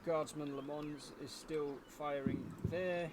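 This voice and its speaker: A man's voice: fairly high pitch, fairly even intonation, takes it slowly. A man giving casual strategy game commentary, tentatively thinking aloud as he plays. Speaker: gameplay commentator. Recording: loud game noise behind voice.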